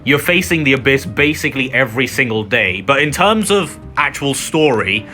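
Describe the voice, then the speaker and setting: With faint music in the background, this young man keeps up chatty, rambling let's-play commentary loaded with fillers while hosting his gaming video. He speaks at a moderate pace in a mid-range voice that sounds pushed, bright and animated.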